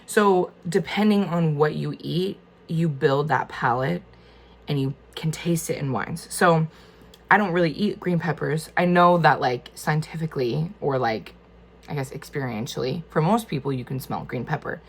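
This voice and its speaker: A woman's voice: low-pitched, moderate pace, vocal fry, slightly rough. A woman talking casually and informally through a tasting, thinking aloud in a tentative, conversational way. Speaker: wine tasting host. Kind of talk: casual chatty wine tasting.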